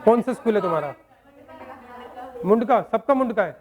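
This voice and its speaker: A man teaching a maths lesson to a class in speech, quizzing students with quick questions and joking with them. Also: high-pitched, animated, a little mellow, some chatter behind.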